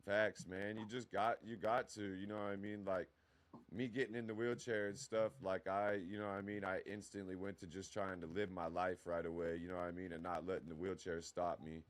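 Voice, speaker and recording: A man in his mid-twenties hosts a podcast, speaking fairly quickly in a low, flat voice. He asks questions in loose, rambling casual interview chat, saying "you know what I mean" a lot.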